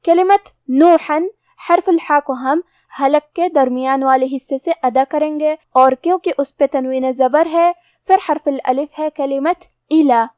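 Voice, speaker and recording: High-voiced woman teaching recitation rules. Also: steady tone, a little mellow, dry recording, studio quality. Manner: measured, methodical explaining of pronunciation rules. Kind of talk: step-by-step recitation lesson.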